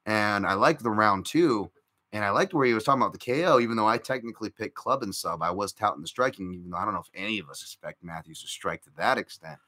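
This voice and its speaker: A man hosts a casual live-stream podcast, rambling through his betting picks with plenty of fillers and restarts as he chats with viewers and reacts to their comments. His voice sits on the low side and comes out fast, bright and forceful.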